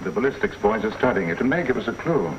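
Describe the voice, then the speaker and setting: An actor playing a calm, shrewd male police inspector with a cool, probing, drily understated manner, on an old 1950s TV soundtrack. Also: lowish voice, fast talker. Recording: dull 1950s TV soundtrack, faint hiss.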